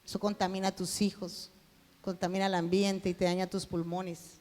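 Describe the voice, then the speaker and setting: A woman preaching, telling a personal testimony and acting out the dialogue in it, at times rising to a shout. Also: on the low side, little pitch movement, moderate pace, in a large hall. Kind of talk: sermon testimony.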